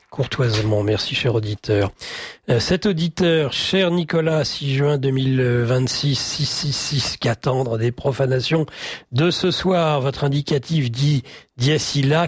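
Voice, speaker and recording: A man's voice: medium pitch, husky, dry recording, studio quality. A man hosting a radio talk show, reading out listener messages with many hesitations and formal courtesy. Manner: halting, many fillers, formal courteous address.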